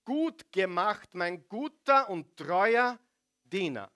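Master figure played by a preacher, generous and delighted, loud and raised in pitch. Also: male voice, expressive, slow pace, full character voice. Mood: exuberant. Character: pleased generous master praising his servants.

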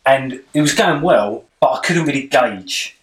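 A young man, rambling in a relaxed way about dating as a podcast co-host. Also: medium pitch, unhurried. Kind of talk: casual chat about dating. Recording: echoey room, mic a bit far off.

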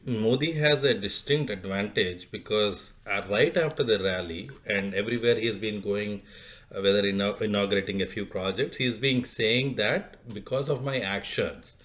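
Indian english guy on a political podcast, bright edgy voice, dry one-liners, kinda halting. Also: lowish voice. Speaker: podcast co-host. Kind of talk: casual political chat.

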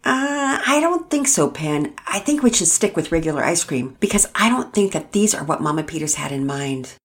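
A woman's voice: lowish voice, lively intonation, normal speed. Pearson, a woman doing an eager young boy. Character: eager polite young boy, sweet-toothed.

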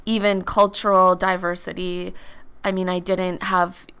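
A woman from Canada in her thirties, answering interview questions in a thoughtful, measured way. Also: on the low side, little pitch movement, a bit bright, clear, resonant tone. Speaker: podcast guest.

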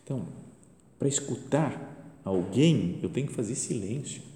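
Lively Brazilian priest in an echoing church. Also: male voice, medium pitch, measured pace. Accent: Brazilian Portuguese. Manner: lively, chatty preaching with frequent rhetorical questions. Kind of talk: conversational homily. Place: church chapel near the tabernacle. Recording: reverberant church hall.

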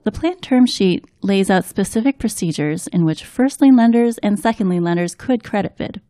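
Mellow-voiced woman reading finance news. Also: medium pitch, animated, moderate pace, dry recording, clean studio sound. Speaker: co-host and news reader.

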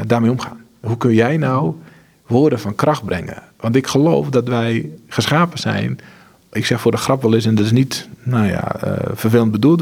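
A man with a husky, slightly rough voice speaks at a middle pitch. He tells earnest, faith-driven stories in an interview, often restarting his sentences. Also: darkish tone. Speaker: charity director. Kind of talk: conversational interview.

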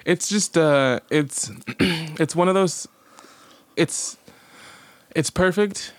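A man's voice: on the high side, very slow, dry recording. A man co-hosting a podcast in casual chat, talking with a chatty, giggly enthusiasm. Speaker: podcast co-host.

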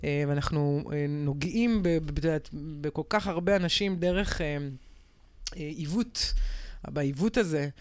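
A woman co-hosting a podcast in casual chat, reflecting aloud and often pausing to search for the right words. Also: deep voice. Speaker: podcast co-host.

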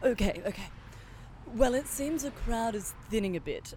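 A woman's voice: fairly high pitch, expressive, moderate pace, dark tone, a little hiss or hum, lightly acted. A woman playing an anxious field reporter in a parody live news report, faltering and distressed. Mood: uneasy, woozy.

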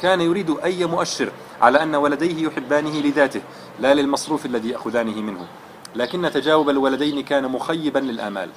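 A man's voice: fairly high pitch, fast talker, a little hiss or hum. A man giving a religious lesson, telling a moral story in an earnest, dramatic way. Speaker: religious lecturer.

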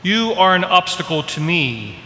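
A man's voice: high-pitched, sing-song, unhurried, bright, forceful tone. A man speaking as a priest, reading scripture and preaching at Mass, his voice carried in a cathedral-like echo. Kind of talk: Gospel reading and homily at Mass. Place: large reverberant church. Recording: long cathedral-like echo, background noise.

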